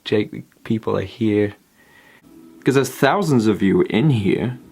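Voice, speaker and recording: A man making casual deadpan asides on a video. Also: on the low side, unhurried, vocal fry, husky.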